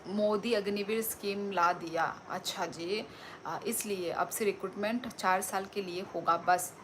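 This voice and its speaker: A woman talks slowly and unhurriedly while hosting a live stream. Her pitch sits at a medium height. She reads viewers' comments aloud and answers them with playful teasing. A faint ambient hum runs underneath. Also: fairly even intonation. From Tripura, India. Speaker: livestreamer. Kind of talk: casual live-stream chat.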